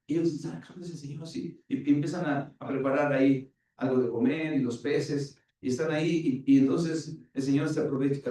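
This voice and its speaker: A man preaching a sermon as pastor, retelling scripture with lively acted-out dialogue. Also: mid-range voice. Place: church. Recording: very echoey church hall, distant mic.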